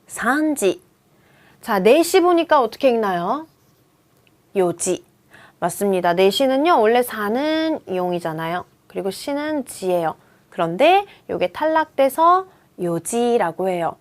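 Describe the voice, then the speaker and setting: A woman's voice: fairly high pitch, very animated, moderate pace. A woman in her thirties teaching a beginner Japanese lesson, coaxing students along with quiz questions. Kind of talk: video lesson.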